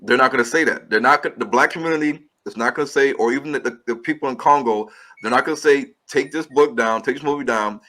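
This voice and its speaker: A filmmaker guest with a sharp, mid-range voice answers interview questions at a quick pace. His explanations are long and earnest, and he often restarts his sentences.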